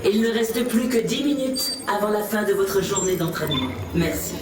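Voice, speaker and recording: A man giving formal scripted announcements over a PA system in a measured way. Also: sits high, animated, very noisy. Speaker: park show announcer. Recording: echoey loudspeaker from far off with loud music.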